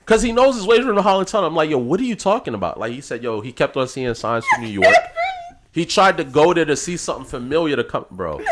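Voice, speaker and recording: A man's voice: fairly high pitch, sing-song, fast talker, heavy background noise. A man in his thirties co-hosting a podcast, telling a story in casual, profane chat and laughing as he goes. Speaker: podcast host.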